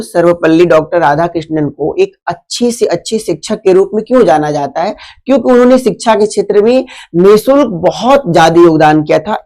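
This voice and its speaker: A woman teaching English grammar in a patient, explanatory way. She asks herself questions and answers them, checking in with her students as she goes. When she reads the English example sentences she slows down and spaces out each word. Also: mid-range voice, darkish tone. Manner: checks in with listeners using "है ना". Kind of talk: whiteboard grammar lesson.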